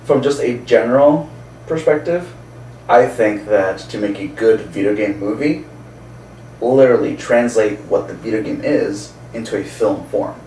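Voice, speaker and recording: A man with a lowish, dark voice talks about movies at a moderate pace, casual and enthusiastic, often chuckling as he goes. The mic sits at a distance in a roomy space, picking up faint background noise.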